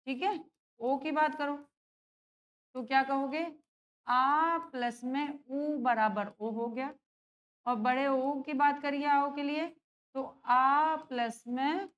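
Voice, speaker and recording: A woman with a high voice at the board walks through an exam-prep grammar lesson. She keeps checking in with her students and answers her own questions as she goes. Her tone stays patient and steady. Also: dull audio. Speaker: teacher.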